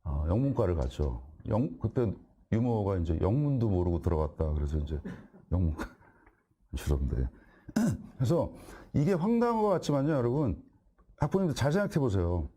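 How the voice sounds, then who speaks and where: A man with a warm, mellow voice speaks to a room of parents in a storytelling talk. His pitch swings up and down a lot as he jokes and fires rhetorical questions at them. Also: very animated, normal speed, slightly rough. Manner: acts out dialogues, jokey and direct. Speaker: guest speaker at a parents' event.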